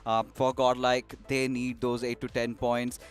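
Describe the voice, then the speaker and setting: An excitable Indian man sitting in as a guest analyst on a mobile esports broadcast, pausing often on fillers. His voice sits mid-range. Faint music sits underneath. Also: medium pitch, smooth. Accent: Indian English. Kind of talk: esports analyst desk commentary.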